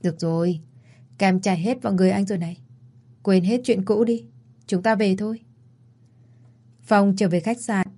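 A woman's voice: medium pitch, fairly even intonation, moderate pace, long pauses, dark tone. A woman narrating a romance story, reading every character's lines in her own voice. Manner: reads all characters in one voice.

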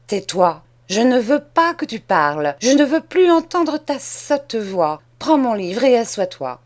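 A woman reading aloud and voicing a greedy, harsh old woman who scolds a boy in sharp, shrill outbursts. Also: lively intonation, measured pace, natural voice. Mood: scolding angry. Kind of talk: audiobook character reading.

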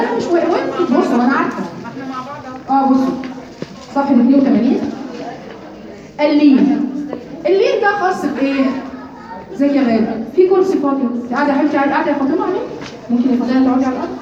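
An Egyptian woman teaching Quran recitation gives a lively live lesson to women students, her voice high and quick with an Egyptian Arabic accent. She quizzes the class and answers her own questions, drawing out key terms slowly. The mic is across the echoey room, so she sounds muffled over a crowd of chattering students.

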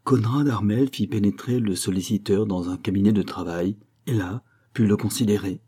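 A man reads a literary short story in measured narration. His voice sits low and sounds dark and husky. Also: steady tone.

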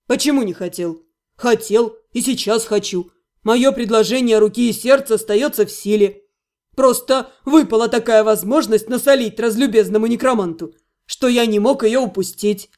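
A woman's voice: a little high, normal speed, darkish tone, pitched below the performer's own voice, natural voice. A woman reading an audiobook, voicing a brash, cocky male orc who teases and mocks. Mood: smug. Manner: smug, teasing.

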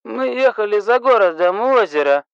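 A man voicing a drunk, hiccuping woman who calls the police, shrill, bossy and slurring. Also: expressive, moderate pace, creaky, clear, resonant tone, no room sound, highs cut off. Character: drunk, hiccuping, rude middle-aged woman caller.

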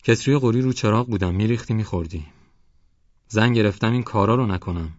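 A man reading an audiobook, voicing a gruff, swaggering male village headman with a husky, sleepy voice and a bossy, boastful manner. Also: fairly low pitch, no room sound, highs cut off, pitched above the performer's own voice, lightly acted. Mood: scolding.

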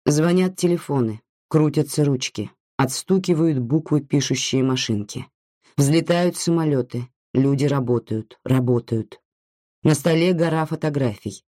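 A narrator reading a literary story in a steady, even manner. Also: medium pitch, measured pace, no room sound, clean studio sound.

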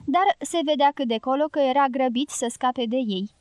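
A woman narrating a novel as an audiobook reader, in an even, measured reading. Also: sits high, no echo.

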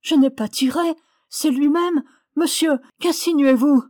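A distraught young woman whose voice climbs high and loud as she stammers her denials, voiced by a woman reading a storybook. The recording is dry, with no room around it. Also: moderate pace, no room sound, natural voice. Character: frightened young woman accused of shooting. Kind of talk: audiobook reading.

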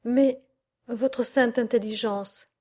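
A woman's voice: fairly high pitch, steady tone, slow, darkish tone, slightly rough. A woman voicing a timid young farm girl who pleads hesitantly with her father, in an audiobook reading. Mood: pleading.

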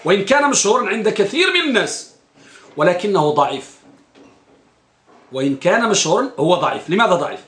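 A man's voice: high-pitched, big pitch swings, fast talker, pauses often, fairly bright tone, reverberant. A man teaching an Islamic studies class, asking his students questions and answering them himself, and repeating key phrases. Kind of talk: classroom lecture on a hadith text.

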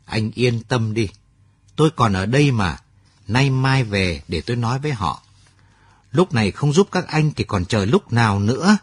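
A man's voice: mid-range voice, animated, normal speed, breathy edge, dry recording. A man voicing a brave young village mother who speaks earnestly and reassuringly in a radio story.

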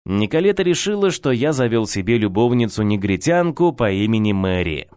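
A man's voice: lowish voice, big pitch swings, a little fast, a little mellow, clean tone, no echo. A man narrating an audiobook in the first person with wry, ironic storytelling. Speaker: audiobook reader.

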